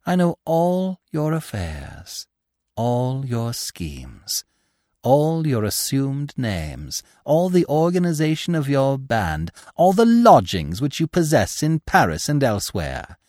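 A man puts on a scheming widow thirsting for revenge, gloating over a trapped enemy. Her voice swings wildly between shrill heights and hushed lows, every syllable pressed hard. The sound is close and dry, with no room around it. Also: sing-song, a little slow, creaky, no room sound, exaggerated voice. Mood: cold menace.

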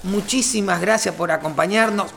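A woman with an Argentine accent co-hosting a playful game chat, teasing and loud, stumbling over words when rushed. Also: mid-range voice, creaky, a little hiss or hum. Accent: Argentine Spanish. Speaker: co-host.

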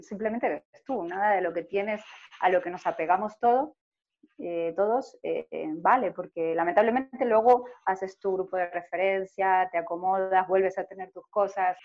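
A woman, reflectively telling her life story in an interview, often pausing with "eh". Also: mid-range voice. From Argentina. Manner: reflective, frequent "eh" hesitations. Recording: dull lo-fi recording.

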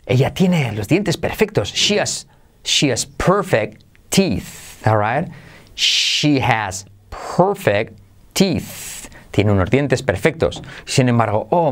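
Animated man teaching English. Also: medium pitch. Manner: animated, switching between Spanish and English, sings snatches of songs. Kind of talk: lively English lesson.

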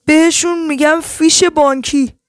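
A woman hosting a book podcast, reading a children's detective story aloud and speaking to listeners in a friendly, expressive way. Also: high voice, a little hiss or hum. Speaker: podcast host and book reader.

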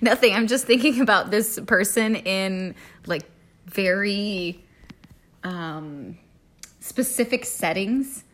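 A woman's voice: medium pitch, takes it slowly. A woman co-hosting a podcast in casual chat, laughing easily and telling stories with energy. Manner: laughs easily, lively storyteller. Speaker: podcast co-host.

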